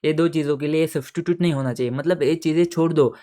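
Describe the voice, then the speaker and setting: A man teaching audit in a casual, playful lecture, chatting with students and slowly repeating key terms. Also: a little high, steady tone, mellow. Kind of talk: casual Hindi-English lecture.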